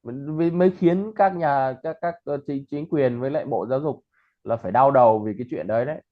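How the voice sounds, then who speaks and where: A man's voice: mid-range voice, fairly quick. A man chatting casually and then teaching pronunciation, explaining and repeating example words. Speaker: English tutor. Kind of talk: casual chat and pronunciation lesson. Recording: tinny phone-like line.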